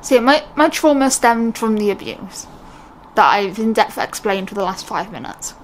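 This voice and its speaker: A woman's voice: a little high, animated, normal speed, a little hiss or hum, low-quality recording. A young British woman talking to camera in a casual, unscripted way, candid and rambling, often breaking off her own sentences. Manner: candid, rambling, self-interrupting. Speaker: vlogger.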